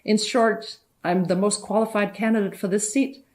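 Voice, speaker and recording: A woman from Denmark, a judicial candidate, earnestly listing her credentials in a campaign pitch. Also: steady tone, moderate pace, a little mellow.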